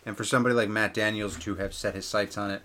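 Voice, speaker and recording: A man's voice: on the low side, fairly even intonation, quick pace, a little hiss or hum. A man co-hosting a podcast, rambling through casual sports chat with lots of fillers. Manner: chatty, rambling, many fillers. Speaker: podcast co-host.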